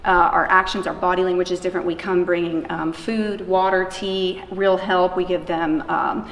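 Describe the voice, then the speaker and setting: Speaking with a fairly low pitch, a level tone and normal speed, this interviewee describes her work running an anti-trafficking organization as a missionary. She answers earnestly in a conversational way, recorded in a reverberant room with faint noise.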